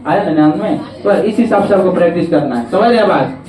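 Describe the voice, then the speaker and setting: A man's voice: sits high, animated, fast talker, crowd noise. A male teacher, giving a classroom math lesson and often checking that students understand. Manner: coaxing, repeats checks on understanding. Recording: echoey classroom from far off.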